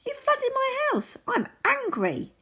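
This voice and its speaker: A woman voicing tiny, angry woodland animals in very high, squeaky voices during a storybook reading. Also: huge pitch swings, slow pace, pushed and bright, heavily acted.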